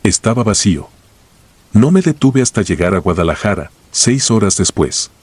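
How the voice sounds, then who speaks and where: A man narrates a scripted first-person horror tale. His voice sits very low and has a husky, rough-edged grain. He tells the story in a slow, grave way. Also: very animated, darkish tone, no echo.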